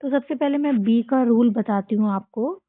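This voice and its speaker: A woman with an Indian accent and a slightly high voice teaches children phonics, asking questions and repeating each word for them to echo back. The sound is thin and phone-like, close and dry with no room around it. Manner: slow, drilling repetition with call-and-response questions.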